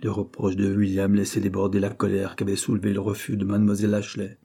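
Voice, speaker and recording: A man narrating a classic novel as an audiobook, steady and measured. His voice is low, mellow and somewhat husky. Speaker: audiobook reader. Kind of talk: scripted narration.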